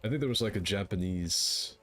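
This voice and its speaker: A man chatting on a call while gaming, keeping up a light put-on pirate voice. His pitch sits very deep, and his banter is crude and full of swearing. A faint hiss runs underneath. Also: a little fast, fairly bright tone. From United States. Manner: crude, profane, mock-patriotic banter. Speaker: gaming co-host. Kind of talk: casual gaming chat over a voice call. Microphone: computer mic on an online call.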